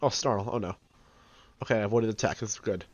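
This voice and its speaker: A man chatting with a friend while they both play, asking quick questions with many restarts. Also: on the low side, a little hiss or hum. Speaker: co-player friend. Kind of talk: casual gameplay chat.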